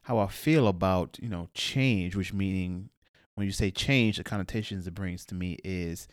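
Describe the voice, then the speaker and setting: A young man with a low voice co-hosts a podcast at a moderate pace, chatting casually and thinking out loud. He rambles, hunts for words, and quotes his own thoughts. The recording is dry, with clean studio sound.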